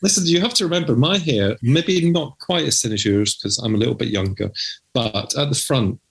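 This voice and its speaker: A man's voice: medium pitch, brisk, vocal fry, a little hiss or hum. A man hosting a podcast in casual, teasing chat, with a cave-like echo on his voice. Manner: playful, teasing. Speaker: podcast host.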